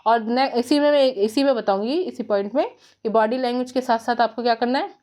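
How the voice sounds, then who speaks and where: A woman's voice: on the high side, a little mellow. Earnest woman giving a self-help talk. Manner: earnest, repeats phrases, mixes in English lines spoken slowly. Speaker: motivational speaker.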